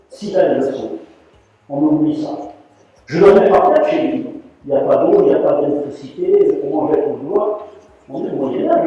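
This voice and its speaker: In an echoey large hall, an older rug weaver with a fairly high voice tells stories to an audience, animatedly voicing the quoted characters. Recorded from a distance, the audio sounds dull and echoey.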